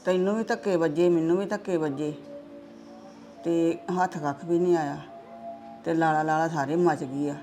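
A woman's voice: deep voice, fairly even intonation, moderate pace, long pauses, dark tone, soft background music, close to an everyday voice. A middle-aged woman playing a stern mother who lectures her daughter in a family drama. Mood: reproachful. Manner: lecturing, reproachful.

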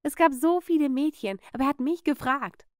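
A woman voicing a kind, gentle teenage girl who speaks softly. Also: high-pitched, normal speed, clean tone, no echo, studio quality, natural voice. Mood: excited. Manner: soft, comforting.

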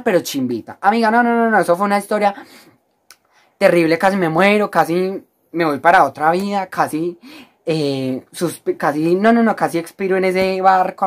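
A woman with a Colombian accent and a low voice tells a story on her vlog. Her delivery is theatrical and full of slang, and she addresses the viewer as a best friend. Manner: dramatic, exaggerated, slangy, chatty to the viewer as a friend. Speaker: vlogger.

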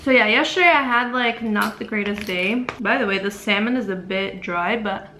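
A woman's voice: mid-range voice, moderate pace, sharp tone, a little hiss or hum, low-quality recording. A young woman vlogging casually to camera, chatty and storytelling, full of "like". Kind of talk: casual vlog chat. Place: home and out and about.

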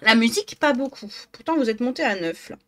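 A woman's voice: on the high side, expressive, brisk, fairly bright tone, a little hiss or hum. A woman streaming live, chatting casually with her viewers, greeting them by name and joking about herself. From northern France. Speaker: Twitch streamer. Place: home office.

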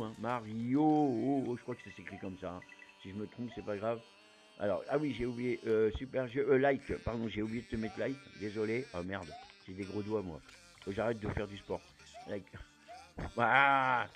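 A man chatting casually as a YouTuber, rambling with plenty of fillers while giving shout-outs. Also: on the low side, normal speed, faint music behind. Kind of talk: casual chat.

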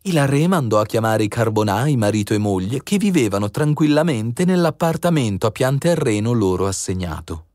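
A man narrating a fairy tale with expressive, animated storytelling. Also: mid-range voice, moderate pace, hardly any pauses, dry recording, studio quality. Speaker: audiobook narrator.

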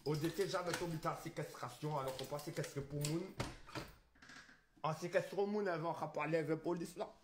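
A man's voice: fairly high pitch, fairly even intonation, fairly quick, reverberant, background noise. A man streaming live, ranting in a rambling, insulting way with garbled phrasing. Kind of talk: street livestream rant.

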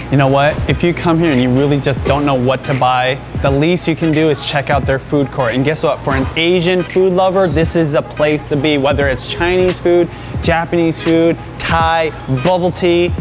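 Upbeat man touring a grocery store. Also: on the high side. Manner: enthusiastic, animated, talks straight to camera. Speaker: vlog host. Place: indoor supermarket aisles, some shots outside. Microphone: lapel mic.

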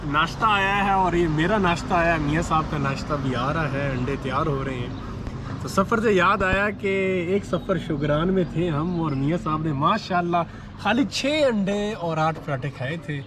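A man's voice: a little high, normal speed. Joking man outdoors with traffic noise. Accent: Pakistani Urdu. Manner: joking, playful. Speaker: travel companion. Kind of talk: casual vlog chat. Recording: clear street and traffic noise.

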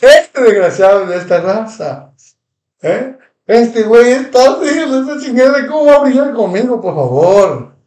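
A man's voice: very high voice, very animated, a little slow, darkish tone. A man with a Mexican Spanish accent hosting a live stream, reading viewer comments aloud and rambling in heated, repetitive insults. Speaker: livestream host. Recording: roomy echo, distant from mic.

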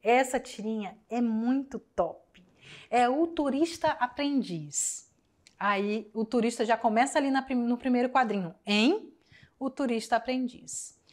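A woman's voice: on the high side, unhurried. A woman teaching a recorded class, explaining step by step, repeating the answers and speaking straight to her students. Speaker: Spanish teacher.

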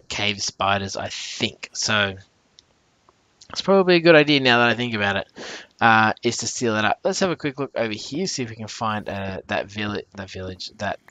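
Bright-voiced man narrating his gameplay. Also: lowish voice, dry recording. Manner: rambling with many fillers and self-corrections; jumpy reactions to in-game danger. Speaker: channel host. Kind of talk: casual gameplay commentary.

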